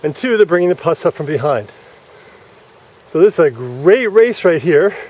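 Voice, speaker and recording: Faint outdoor wind accompanies a man commentating live on a sailing race from a yacht club dock. Animated and on the high side, he speaks at a normal pace with a darkish tone, coaching listeners on the rules as boats sail past.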